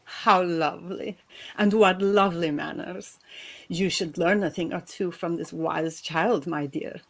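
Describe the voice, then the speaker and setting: A man voicing a gentle, motherly female spider with a soft, silky voice and a heavy Russian accent. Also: high voice, steady tone, a little slow, creaky, voice pushed up, exaggerated voice. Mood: tender, affectionate.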